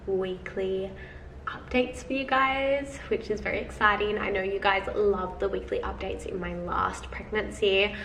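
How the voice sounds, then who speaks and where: In a casual video diary, a congested young woman talks to her viewers as "guys," chatty and leaning on fillers. Her medium-pitched voice is fairly bright, captured in a roomy, slightly distant recording with faint noise.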